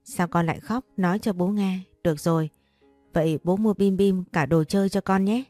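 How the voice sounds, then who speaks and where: A woman's voice: medium pitch, moderate pace, mellow, no echo, faint music behind, close to an everyday voice. Woman reading as a doting, coaxing father. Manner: coaxing, then scolding. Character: doting, flustered father of a young girl.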